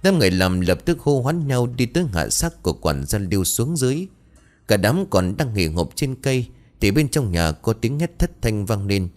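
A man's voice: on the low side, big pitch swings, moderate pace, a little mellow. A man narrating a scripted horror story as a storyteller, lifting his voice when the frightened figures cry out.

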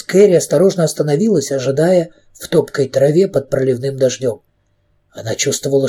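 Expressive audiobook narrator, man, husky and mellow. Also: medium pitch. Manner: expressive storytelling.

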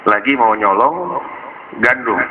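A male preacher telling a story in a lively, colloquial way during a sermon. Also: medium pitch, takes it slowly. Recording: dull lo-fi recording with noise.

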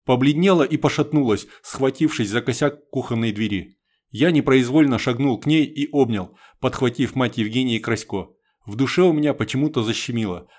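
A man's voice: mid-range voice, a little mellow. Guy reading an audiobook, medium voice, wry chatty first-person telling. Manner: wry, conversational storytelling. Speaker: audiobook reader.

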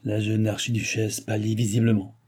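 A man reading a novel aloud in measured, scripted narration. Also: on the low side, little pitch movement, darkish tone, breathy edge. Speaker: audiobook reader.

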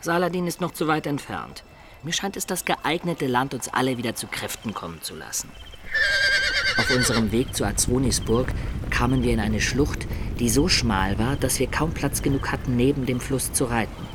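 A male actor with a natural, mid-range voice plays a loyal, observant companion recounting a medieval campaign in measured, detailed radio drama narration, in a mood of earnest counsel. The recording is very noisy.

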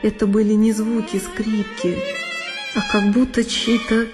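A woman performs a one-woman literary audio play with theatrical intensity, her pitch medium and her tone level as she speaks a little slowly. Solo violin music plays behind the dramatic scripted narration.

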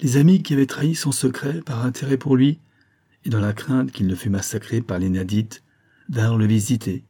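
A man reading a literary tale aloud in a measured audiobook style. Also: medium pitch, dark tone, slightly rough. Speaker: narrator.

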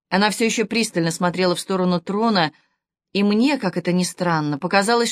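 A woman narrating a historical novel as an audiobook, measured, unhurried and expressive, close to the mic. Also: medium pitch, no room sound. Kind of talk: scripted literary narration.

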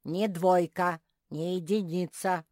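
A woman voicing a loud, stubborn, boastful bear cub boy in a storybook reading. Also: lowish voice, animated, a little slow, no room sound, clean studio sound, voice pushed up. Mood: proud. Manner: shouting, insistent.

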